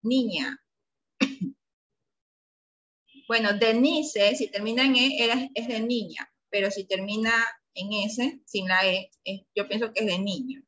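A woman's voice: mid-range voice, steady tone, a little slow, fairly bright tone, breathy edge, dull audio. A woman with an Ecuadorian Spanish accent teaching an English lesson to young pupils, patiently coaxing them with questions. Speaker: primary school English teacher. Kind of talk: online class lesson.

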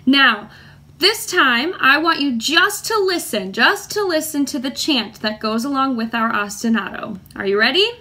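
A woman music teacher leading a children's lesson, speaking slowly and clearly and chanting rhythms for the class to copy. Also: high-pitched, lively intonation, pushed and bright.

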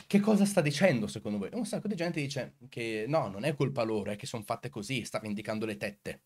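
A man's voice: mid-range voice, lively intonation, brisk, darkish tone. A man speaking emphatically as a video host, commenting on clips and putting rhetorical questions to viewers.

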